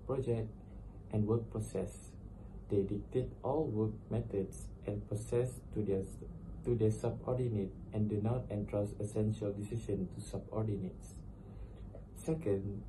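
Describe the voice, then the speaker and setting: A young man reading out a scripted slide presentation as a student presenter. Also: lowish voice. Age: young adult. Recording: distant mic with clear noise.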